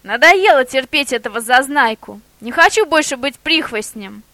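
A woman's voice: sits high, animated, normal speed, bright, forceful tone, dry recording, exaggerated voice. A woman voicing an eager young male sidekick dog who yaps and repeats his words. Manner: yapping, repeating himself.

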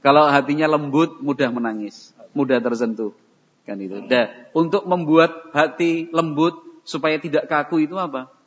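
Preacher in an echoing hall. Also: male voice, on the high side, normal speed. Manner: storytelling, shifting into Javanese phrases, chanting Quranic verses. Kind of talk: Islamic study sermon. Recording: dull audio in a reverberant hall.

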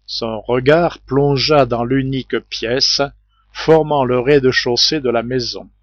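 A man reading a novel aloud as audiobook narrator, in a measured, steady scripted narration. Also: medium pitch, no echo. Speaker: audiobook reader. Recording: dull, muffled home recording.

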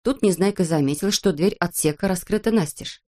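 A woman narrating a children's storybook in an even storytelling manner. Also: on the low side, a little fast. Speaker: audiobook narrator.

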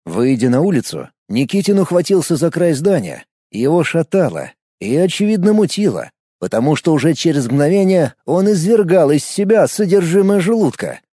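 A man reading an audiobook with expressive storytelling. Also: fairly high pitch, husky, no echo, studio quality. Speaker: audiobook narrator. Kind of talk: scripted narration.

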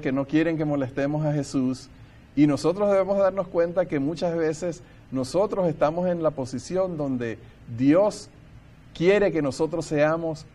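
A man's voice: a little high, mellow. A man leading a Bible study discussion, talking earnestly and thinking aloud, and sometimes reading scripture passages aloud.

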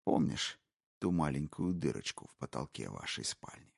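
A whispering gravelly knife-wielding captor. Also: male voice, very deep voice, very animated, voice pushed down, exaggerated voice. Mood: taunting. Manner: slow taunting menace. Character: menacing cold male captor with a knife.

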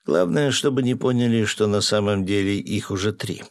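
A man's voice: lowish voice, moderate pace, no echo, studio quality, lightly acted. A man playing a cautious, earnest aide.

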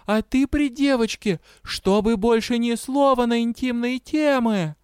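Male reader as a prim, bossy storybook kitten: shrill and clipped, close dry mic. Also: measured pace, clear, resonant tone, no room sound. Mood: scolding. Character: tiny winged female kitten, prim and bossy.

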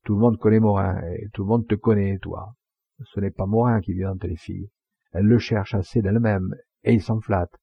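A man's voice: on the low side, steady tone, brisk, gravelly, breathy edge, dry recording, highs cut off. A man voicing Morin, fiery poacher. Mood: scornful. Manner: scornful, fiery retorts. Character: proud hot-tempered Provençal poacher man.

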